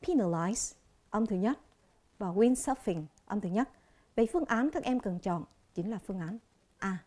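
Vietnamese woman, TV English teacher, warm mellow voice, slow clear drilling of each word. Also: medium pitch, lively intonation. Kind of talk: televised classroom lesson.

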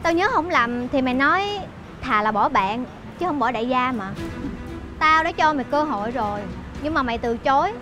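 Actress as wronged young woman, high and accusing, over music bed. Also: expressive, normal speed. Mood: indignant. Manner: accusing, indignant. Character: betrayed young woman scolding a disloyal friend. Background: background music.

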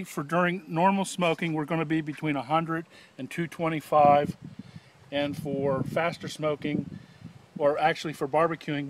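A man in his fifties demonstrating a product outdoors, with a chatty, joking salesman's patter. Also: on the high side. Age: 50s. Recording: audible outdoor background noise.

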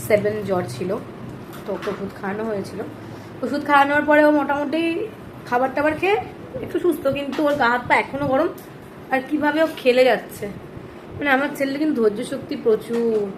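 A mother with a hoarse voice from a cold, chatting casually to camera at home and coaxing her sick baby now and then. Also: high voice. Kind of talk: casual vlog narration. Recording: noisy home recording.

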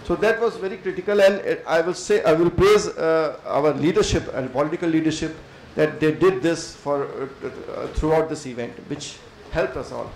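A middle-aged Indian man with an Indian English accent gives a thoughtful lecture to students, with many fillers and pauses. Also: a little high, gravelly, darkish tone, reverberant, a little hiss or hum, rough recording. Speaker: civil servant speaker. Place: lecture hall.

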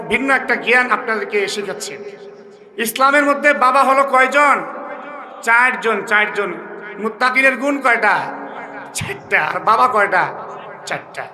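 A man from Bangladesh preaching a waz sermon with a colloquial Bangladeshi accent, quizzing the crowd and shouting slogans. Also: high-pitched. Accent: Bangladeshi Bengali, colloquial. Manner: call-and-response questions to the crowd, shouting slogans. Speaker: Islamic preacher. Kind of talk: waz sermon at an outdoor gathering. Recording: echoey open-air PA with crowd.

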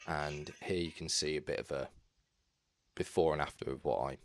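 Very deep-voiced man explaining woodwork. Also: moderate pace. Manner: calm, practical, step-by-step advice. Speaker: woodwork tutorial narrator. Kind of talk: instructional voice-over.

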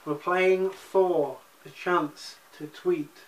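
A man's voice: sits high, steady tone, drawn-out words. Young man hosting in an echoey room. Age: 20s. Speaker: challenge host. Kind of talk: casual playful chat. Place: small living room. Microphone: camera across the room. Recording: echoey living room, distant mic.

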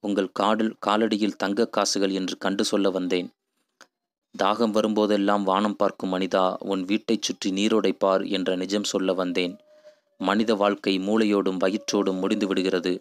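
A man's voice: deep voice, flat delivery, moderate pace, no room sound, lightly acted. A man voicing an impassioned idealist who preaches to villagers in poetic, rousing speech.

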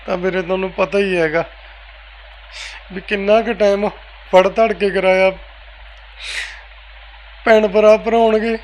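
A man answering an interviewer's questions in a soft-spoken, casual way. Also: high voice, fairly even intonation, measured pace, long pauses, slight background noise, rough recording. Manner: soft-spoken, repeats "veere" often. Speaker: interviewee, family member.

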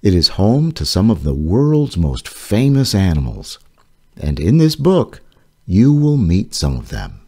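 At an unhurried pace, a man with a very deep, warm voice reads a children's book aloud as a voice-over over the pages. His lively, swooping intonation keeps young listeners engaged, and he sounds gentle and clear like a bedtime storyteller.

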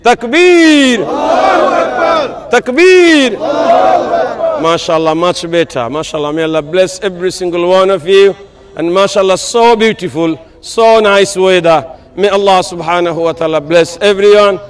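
A man leads prayer on an open stadium field, his voice set high for a man. He stretches each takbir and verse into long melodic lines, smooth and resonant, then drops into brief plain requests to straighten the rows. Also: a faint crowd. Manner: melodic, drawn-out chanting between brief plain announcements. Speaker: imam leading Eid prayer. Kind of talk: chanted takbir and Quran recitation with spoken instructions. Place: large outdoor stadium field.

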